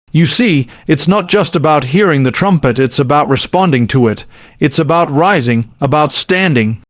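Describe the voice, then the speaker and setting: Man, preacher, slightly high voice, motivational sermon monologue, urgent exhortation, punchy repeated phrases, dry close sound. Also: no echo.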